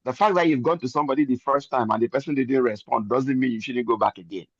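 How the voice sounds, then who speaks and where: An older man gives an earnest, preachy testimony and leans on repeated phrases for emphasis. His voice sits at a middle pitch. The recording is dry, with a slightly muffled, lo-fi tone. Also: fast, husky, no echo. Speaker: member giving a testimony. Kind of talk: motivational testimony.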